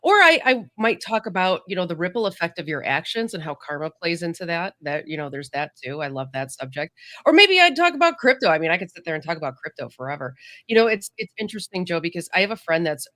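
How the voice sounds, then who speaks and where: A woman's voice: on the low side, sing-song, quick pace, pushed and bright. A woman appearing as a psychic guest on a live talk show, speaking in an easygoing way. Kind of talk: casual live chat.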